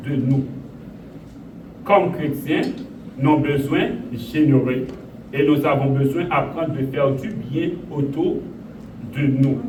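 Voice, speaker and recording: Pastor, man from Haiti, slow repetitive preaching, echoey and off-mic. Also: on the high side, darkish tone. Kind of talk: sermon. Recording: echoey room, voice from a distance, audible noise.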